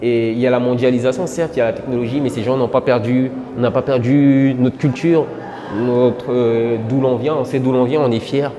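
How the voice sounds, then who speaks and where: A man's voice: mid-range voice, fairly even intonation, brisk, big-room sound, a crowd in the background. A man from French Guiana in a casual interview, earnest, with many filler words and restarts. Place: indoor exhibition gallery.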